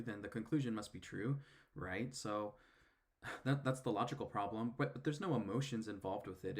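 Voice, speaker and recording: A man with a daughter, responding in casual commentary, halting often with fillers and restarts. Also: fairly low pitch. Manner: hesitant, many fillers and restarts. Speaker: video commentator.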